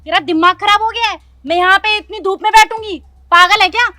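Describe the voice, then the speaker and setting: A woman plays a pushy candidate who barks insults. Her voice is very high and sharp. She sounds as though she takes no orders from anyone. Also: a little fast. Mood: rude. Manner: bossy, insulting and loud. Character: bossy, rude woman job candidate. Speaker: job candidate.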